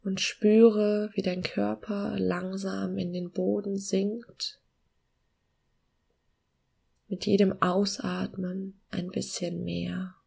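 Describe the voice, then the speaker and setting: A woman guiding a meditation in a soft, hushed, soothing near-whisper with long pauses and a breathy voice. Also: mid-range voice, level tone. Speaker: podcast host guiding a meditation.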